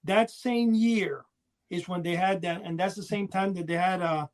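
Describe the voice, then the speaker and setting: Rambling fondly about old toys, this podcast co-host keeps things chatty and loaded with little details. He's a man with a high voice who speaks at a moderate pace.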